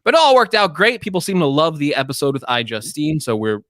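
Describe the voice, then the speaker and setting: A man co-hosting a tech podcast in casual chat, animated and self-mocking. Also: fairly high pitch, fast, no echo, clean studio sound. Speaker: podcast co-host.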